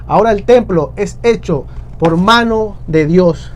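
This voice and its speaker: A man with a voice that sits high preaches a sermon at an unhurried pace. He addresses the congregation as "hermanos" and repeats key phrases for emphasis.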